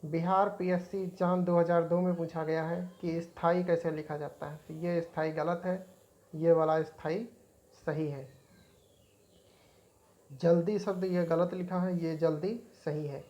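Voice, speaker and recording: A woman's voice: lowish voice, steady tone, unhurried, mellow, dull audio. A woman teaching an exam-prep spelling lesson, repeating each word as she points out right and wrong forms.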